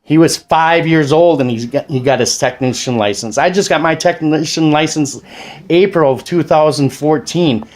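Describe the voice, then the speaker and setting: A father and amateur radio operator of about forty, with an American accent, talks to camera from his home radio station indoors, explaining things casually and rambling a bit. His voice is on the high side, a little mellow, and at normal speed.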